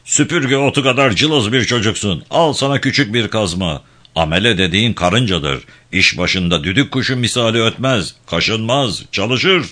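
Field: A man voicing a harsh, arrogant male mine foreman who scolds and shouts orders at his workers in a gruff, raised voice. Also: lowish voice, lively intonation, moderate pace. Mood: scolding.

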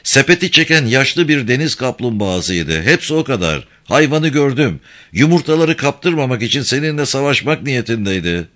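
A man voicing a calm, wry veteran boat captain in an audiobook. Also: medium pitch, normal speed, pitched above the performer's own voice. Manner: dry, amused.

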